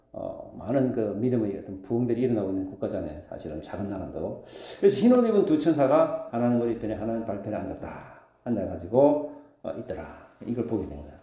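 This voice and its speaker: A pastor preaching a sermon, throwing rhetorical questions to the congregation. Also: male voice, mid-range voice, echoey room. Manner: lively preaching with call-and-response questions. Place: church sanctuary.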